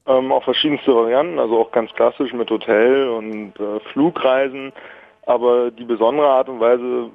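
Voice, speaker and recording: Young male caller, phone-line audio, gravelly voice, chatty and rambling. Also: mid-range voice, fairly even intonation, moderate pace. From Berlin, Germany. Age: 20s. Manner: rambling, many fillers and restarts, easy laughs. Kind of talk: casual phone-in chat. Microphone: telephone. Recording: tinny phone line, dry.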